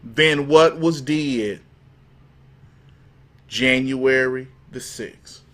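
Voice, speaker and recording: A man's voice: medium pitch, extremely slow, a bit bright. A man hosting a live commentary show, talking to his viewers in a folksy, mocking way over news clips. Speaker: livestream commentary host.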